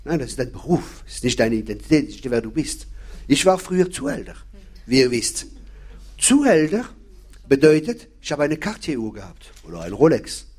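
A preacher delivers a sermon, emphatically repeating key phrases and putting questions to his listeners. His voice is medium in pitch with big swings, fairly quick, darkish in tone, with a breathy edge.

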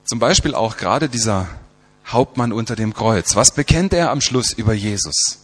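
Husky-voiced man preaching a sermon. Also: on the low side, expressive. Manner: emphatic, rhetorical questions, slows down for quoted scripture.

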